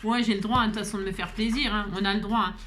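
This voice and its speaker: A woman's voice: mid-range voice, steady tone, rapid-fire, a bit bright, a little hiss or hum. A tired French woman chatting casually at home while making a card, rambling with lots of fillers, restarts and small laughs. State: a little tired. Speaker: papercraft vlogger. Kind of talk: casual chatty craft tutorial.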